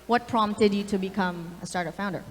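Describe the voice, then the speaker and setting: A woman's voice: medium pitch, a little fast. A woman moderating a conference panel in a chatty, friendly way, often saying "um" and "you know". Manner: chatty, friendly, many fillers. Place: conference stage. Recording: reverberant event hall.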